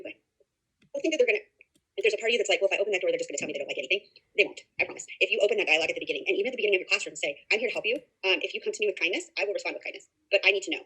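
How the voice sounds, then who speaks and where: A woman in her thirties lectures future teachers in a loose, conversational way, looping back and restarting as she tells stories. Her voice is slightly husky and she talks very fast, piling one thought onto the next. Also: medium pitch, bright, forceful tone, low-quality recording. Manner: fast, chatty storytelling with many restarts. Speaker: teacher educator. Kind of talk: casual classroom lecture.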